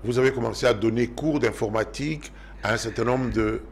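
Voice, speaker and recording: A man's voice: mid-range voice, fairly quick, slight background noise. A man hosting a TV interview, eager and encouraging toward his guest. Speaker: TV talk show host.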